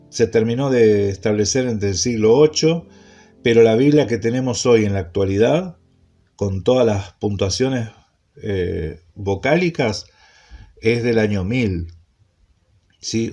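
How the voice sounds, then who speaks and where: A man teaching an introductory Hebrew class, speaking slowly and repeating points, often checking in with a questioning "¿sí?". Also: lowish voice, warm tone. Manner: slow, repetitive, checks in with frequent "¿sí?". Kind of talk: classroom lecture.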